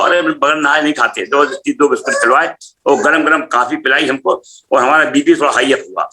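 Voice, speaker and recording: A man's voice: medium pitch, sharp tone. A middle-aged man giving a personal testimony, telling his story animatedly and acting out the dialogue. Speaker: spiritual practitioner telling a testimony.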